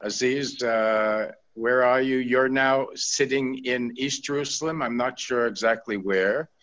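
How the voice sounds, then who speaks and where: A man moderates a panel in an even, mid-range voice, directing the questions firmly. The recording sounds dull and lo-fi. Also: medium pitch, a little slow.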